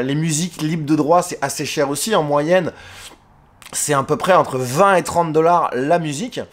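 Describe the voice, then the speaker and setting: Chatty man in a face-cam tutorial. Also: a little high. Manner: chatty, many fillers and restarts; addresses the viewer informally. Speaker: YouTuber giving tips.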